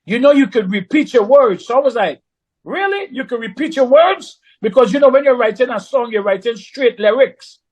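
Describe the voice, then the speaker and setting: High-voiced man telling a lively story. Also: brisk, hardly any pauses, poor audio. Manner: animated, acts out dialogue in quoted voices. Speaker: recording artist guest. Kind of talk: casual storytelling.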